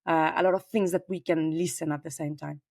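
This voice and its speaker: Chatty Spanish-accented woman in her forties, lower register, dry close sound; podcast guest on a call. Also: steady tone, brisk, dry recording. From southern Spain. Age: 40s. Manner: talkative, warm and expansive, frequent fillers. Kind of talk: conversational interview. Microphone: remote call.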